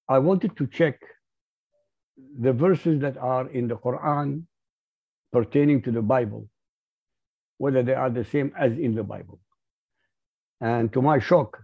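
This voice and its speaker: A man with an Arabic accent, his first language Arabic, speaking as a podcast guest. He talks in an emphatic, lecturing way with a husky voice. The audio is muffled and lo-fi. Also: medium pitch. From Iraq. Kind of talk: interview.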